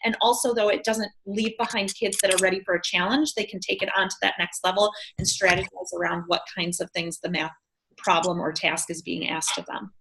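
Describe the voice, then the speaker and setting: A woman's voice: mid-range voice, fairly even intonation, fairly quick, vocal fry, a bit bright, slight background noise, rough recording. Thoughtful woman teacher explaining. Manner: thoughtful, explains at length with some hesitations. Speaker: teacher participant. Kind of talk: explaining a teaching idea in a workshop. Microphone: video call.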